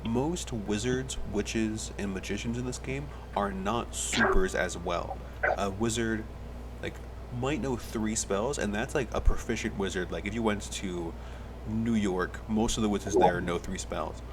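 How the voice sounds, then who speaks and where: A low-voiced man runs a tabletop game as game master, explaining rules and describing scenes at length. Clear background noise runs behind him, with a passing vehicle. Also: measured pace.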